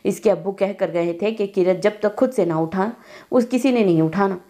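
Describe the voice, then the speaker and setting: A woman voicing a gentle middle-aged mother who speaks softly and earnestly. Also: mid-range voice, normal speed, natural voice. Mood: firm. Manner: soft, calm, earnest.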